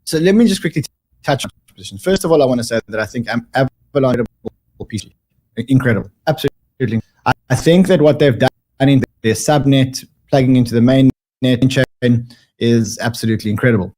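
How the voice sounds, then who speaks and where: A man's voice: mid-range voice, brisk, darkish tone. Man on a clipping, distorted video call. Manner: repeats words when restarting, emphatic. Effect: clipping, distorted audio. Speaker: guest commentator. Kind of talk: remote interview discussion.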